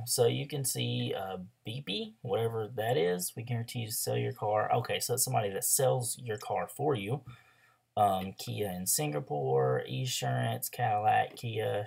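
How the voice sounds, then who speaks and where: Walking through a screen-share tutorial as an online ads coach, a young man sounds hoarse from a recent throat illness. His voice is medium-pitched and slightly mellow. He keeps things loose and chatty, with lots of ums and likes.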